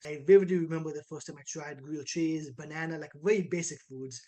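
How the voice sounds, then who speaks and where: He's a man in his twenties from Israel who coaches fitness online, and his slightly high voice moves fast. The interview feels casual and lively, with frequent "like" and "right" tags.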